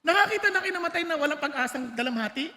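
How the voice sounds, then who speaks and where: A man preaching a lively sermon, switching freely into English and pushing his voice up for emphasis. His voice sits very high and sounds bright and forceful. The sound rings with the long reverb of a large church hall. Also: very fast. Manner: animated, mixes English into Filipino, shouts and laughs for emphasis.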